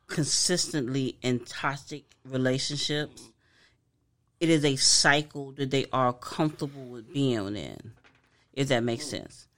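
A woman's voice: extremely low pitch, clear, resonant tone. A woman co-hosting a casual podcast, giving earnest advice and often restarting her sentences. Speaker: podcast co-host.

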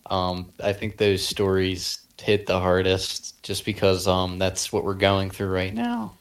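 A young man co-hosts a podcast in casual chat, rambling and hesitant, his voice cracking now and then. He speaks in a low, expressive voice at a slightly slow pace.

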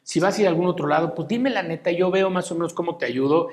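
A middle-aged man with a Mexican Spanish accent, fairly high-pitched and fast-talking, appears as a guest in casual conversation. He gives frank, fatherly advice full of filler tags.

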